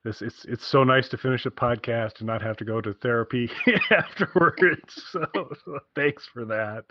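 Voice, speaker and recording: On a casual podcast recorded via internet call, a co-host talks at medium pitch and normal speed, rambling enthusiastically and repeating himself. The recording is muffled but free of echo.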